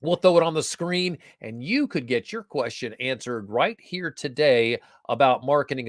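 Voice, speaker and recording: A man in the Atlanta area hosts a casual livestream interview, welcoming his guest in a chatty, jokey, animated way. His voice is medium-pitched, and the studio sound is clean with no room ambience.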